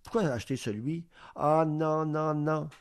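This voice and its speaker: A man's voice: a little high, measured pace. A man with a Quebec French accent, hosting a sports radio show and rambling through an opinion monologue full of rhetorical questions. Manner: rambling, asks rhetorical questions, acts out little exchanges.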